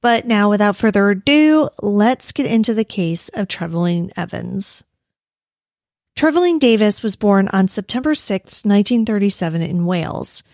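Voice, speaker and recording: A woman with an American accent and a creaky voice, telling true crime stories conversationally as a podcast host. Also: medium pitch, expressive, moderate pace, a little mellow, no echo, clean studio sound. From United States. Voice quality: creaky vocal fry. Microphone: close podcast microphone in a dry room.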